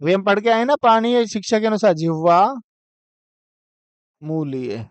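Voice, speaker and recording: A man with a notably high voice leads a Sanskrit grammar lesson. He often pauses to quiz his students, and he chants the rules slowly for them to repeat. The sound is close and dry, with no room echo. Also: clean tone. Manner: asks students frequent questions, slow chanted recitation of rules. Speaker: Sanskrit teacher. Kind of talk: classroom lecture.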